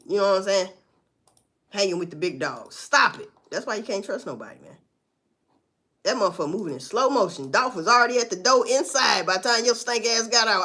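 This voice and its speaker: A woman's voice: medium pitch, fairly bright tone, slightly rough. A woman giving casual, profane and sarcastic commentary, rambling along with sighs and laughs. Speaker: vlogger commenting on news.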